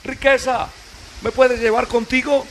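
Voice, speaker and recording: A man's voice: very high-pitched, flat delivery, a little slow, a little hiss or hum, pitched above the performer's own voice. A man voicing Love as a desperate, pleading figure in a spoken fable. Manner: begging, pleading.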